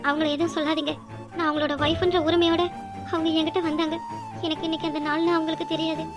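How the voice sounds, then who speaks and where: A woman's voice: extremely high pitch, flat delivery, fast, music in the background. A woman voicing a proud, defiant young wife in a cartoon drama, answering back indignantly. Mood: soft pleading. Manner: indignant, sharp retorts.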